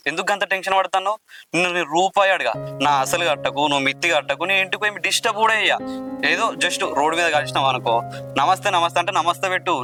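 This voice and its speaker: A man as a brash village moneylender, Telangana Telugu accent, high quick voice, clear music behind. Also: lightly acted. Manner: brash, dismissive, taunting. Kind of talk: village drama acting.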